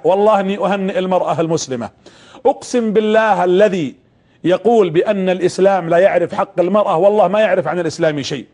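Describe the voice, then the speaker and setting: A man's voice: sits high, darkish tone. A man preaching a sermon, impassioned, telling a story and addressing his listeners directly.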